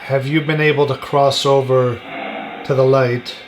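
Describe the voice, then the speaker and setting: A man hosting a paranormal session, putting short, deliberate questions to a spirit with long pauses between them. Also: mid-range voice, flat delivery, background noise. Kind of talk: slow, pausing questions addressed to a spirit.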